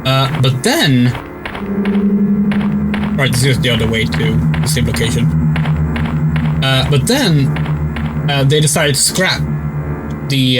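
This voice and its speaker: A man with a voice on the high side streams a video game, rambling through casual commentary full of fillers and swearing. The recording is very noisy, with loud game music behind him.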